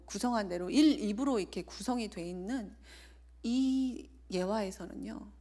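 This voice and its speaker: A woman in her forties, an evangelist, preaching and sharing a personal testimony in an earnest way, often sinking to a near whisper. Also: mid-range voice.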